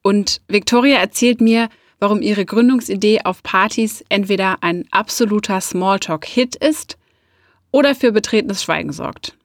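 A woman in her thirties hosts an interview podcast and asks easy, conversational questions. Her voice sits at a middle pitch and is recorded close and dry, with no room sound. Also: moderate pace, no room sound. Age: 30s. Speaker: podcast host.

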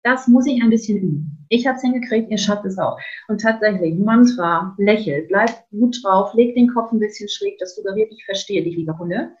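A woman's voice: medium pitch, normal speed, lo-fi sound. A middle-aged woman with a northern German accent teaching a webinar on customer objections, acting out customer dialogues. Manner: lively, acts out customer dialogues. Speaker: sales trainer.

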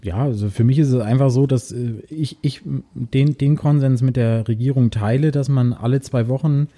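Dark-voiced man talking haltingly. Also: medium pitch. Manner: halting, searching for words. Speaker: podcast guest, music promoter. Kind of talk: casual chat.

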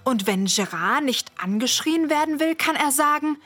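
A woman's voice: high voice, animated, moderate pace, a bit bright. A woman voicing a caring, curious heroine who reassures and thinks aloud in a children's audio drama.

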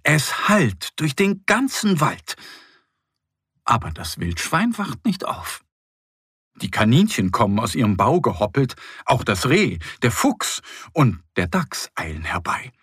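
Male storyteller for kids' audio, very animated pitch, slow, a bit husky, dry close mic. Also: no room sound. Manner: slow, very expressive, soft. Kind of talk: children's story narration.

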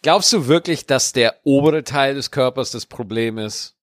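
A man co-hosting a podcast, excitable and slangy, often stammering with repeated starts. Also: medium pitch, moderate pace, no room sound, studio quality. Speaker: podcast co-host. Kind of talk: casual podcast chat.

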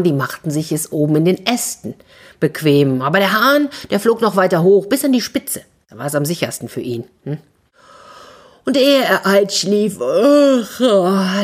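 Woman storyteller, children's fairy tale, lower voice, breathy, chatty. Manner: lively, chatty, with asides.

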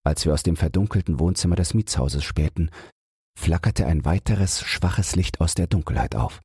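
A man narrating a classic detective story in an even, unhurried way for a sleep audiobook. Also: deep voice, husky, no echo, clean studio sound.

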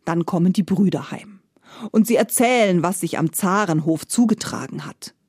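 A woman narrating a fairy tale, lively, acting out the characters' lines. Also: fairly low pitch, moderate pace, husky, no echo, studio quality. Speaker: storyteller.

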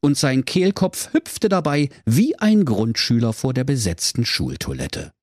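A man narrating a comic bedtime story in a playful, animated way. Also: mid-range voice, a little slow, no room sound, clean studio sound.

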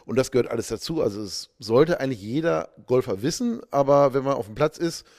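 A man co-hosting a casual chat in a relaxed, conversational way. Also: mid-range voice, fairly quick, dry recording, studio quality. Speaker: podcast co-host.

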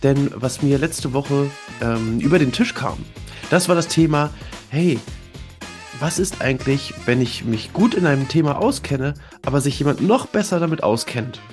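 Male podcast host, mid-pitched, stuffed up with a cold; informal, emphatic coaching delivery straight to the listener. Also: animated, normal speed, a little mellow, soft background music. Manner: emphatic, conversational coaching with rhetorical questions. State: congested with a cold. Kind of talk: informal solo podcast talk, addressing listeners directly.

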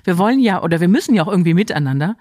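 Woman, podcast host, fast talker, reflective follow-ups, dry sound. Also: on the low side, lively intonation, warm tone, no room sound. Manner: quick, reflective, sums up the guest's story. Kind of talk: interview conversation.

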